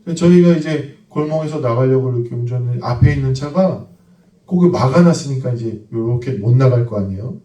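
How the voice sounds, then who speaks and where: A man's voice: medium pitch, fairly quick, warm tone. A man preaching a sermon as a pastor, telling an everyday story and then pressing his point with emphatic preaching. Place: church sanctuary. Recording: echoey room, mic at a distance.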